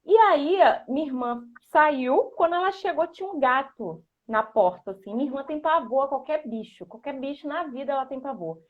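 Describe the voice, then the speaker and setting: A woman explaining how young children learn and telling a family anecdote in an animated, conversational way. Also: sits high, moderate pace, few pauses, narrow, tinny audio. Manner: animated, lots of "né".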